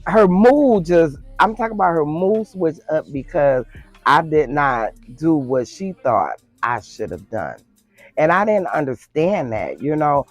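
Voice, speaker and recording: Woman, storytime vlogger, chatty, talks straight to viewers, lively swooping pitch, dry close sound. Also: a little slow, no room sound, soft background music. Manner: chatty, addresses viewers as girl and y'all.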